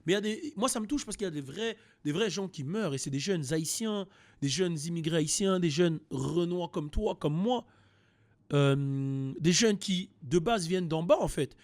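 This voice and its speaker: A young man from France giving casual, animated rap news commentary, with frequent fillers and restarts. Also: fairly high pitch, moderate pace.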